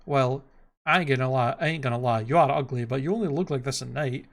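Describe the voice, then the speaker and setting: A man voicing an excitable, chatty donkey sidekick from an animated fairy tale, talking in a colloquial, exclamatory way. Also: medium pitch, fast, creaky, close to an everyday voice. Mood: reassuring.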